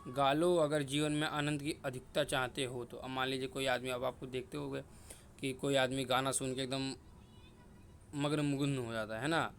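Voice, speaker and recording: A man's voice: mid-range voice, level tone, normal speed, fairly bright tone, a little hiss or hum. Man drilling vocabulary with repeated questions. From India. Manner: repetitive, drilling words and asking himself questions. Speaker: exam-prep vocabulary teacher. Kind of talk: casual Hindi vocabulary lesson with memory tricks.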